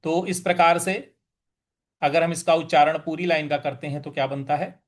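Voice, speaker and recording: A man teaching how to pronounce a Sanskrit verse. He patiently explains where to put stress, then chants each word slowly. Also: a little high, steady tone. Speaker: teacher of Gita recitation. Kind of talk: pronunciation lesson with slow chanting.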